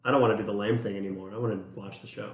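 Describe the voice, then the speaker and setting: An easygoing man in casual podcast chat with a medium-pitched voice. The room sounds echoey, and a crowd murmurs clearly in the background. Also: rapid-fire. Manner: relaxed, easily distracted banter. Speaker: podcast co-host.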